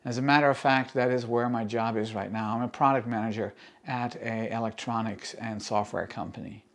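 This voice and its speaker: A middle-aged man from the Netherlands, hosting his home cooking channel and explaining to camera in a friendly, steady way with small fillers. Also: mid-range voice, brisk. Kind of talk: casual cooking video to camera.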